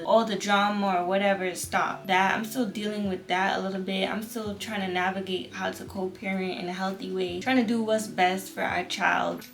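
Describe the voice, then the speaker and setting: A woman's voice: mid-range voice, a bit bright. A young woman giving a casual personal testimony as a vlogger, with the earnest, emphatic manner of a fervent new believer, repeating phrases for emphasis.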